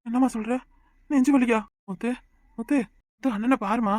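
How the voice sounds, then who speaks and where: A woman voicing a village husband in a cartoon, with a Kanyakumari Tamil accent and a quick, blunt manner. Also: on the high side, darkish tone, dry recording, studio quality, natural voice. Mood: alarmed.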